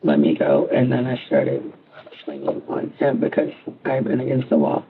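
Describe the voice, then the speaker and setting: A woman giving a halting, rambling statement in a police interview, recorded on a tinny line. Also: rumbling low, big pitch swings, breathy edge. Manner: halting, rambling, filler-heavy.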